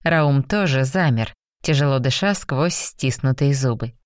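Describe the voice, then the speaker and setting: A woman narrating a romance novel aloud in smooth, even storytelling. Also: rumbling low, unhurried, dry recording, clean studio sound. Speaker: audiobook narrator.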